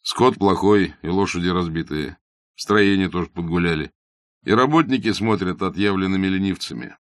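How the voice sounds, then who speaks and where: A man's voice: sits low, moderate pace, no room sound, studio quality, close to an everyday voice. A man voicing a blunt young doctor who is curt, ironic and matter-of-fact in an audiobook. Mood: wry. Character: blunt young male doctor, mocking and self-assured.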